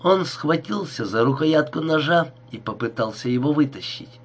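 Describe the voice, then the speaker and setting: A man's voice: a little high, lively intonation, moderate pace, breathy edge. A man narrating a crime story audiobook in a tense, dramatic reading.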